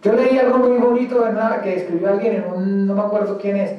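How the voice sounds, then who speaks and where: A man from Colombia preaches a fervent sermon as pastor, his voice set unusually high. The sound rings through a big reverberant church hall, picked up from well away from the microphone. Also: steady tone, a little fast, dull audio. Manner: emphatic preaching, acts out quoted believers. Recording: very echoey church hall, mic far.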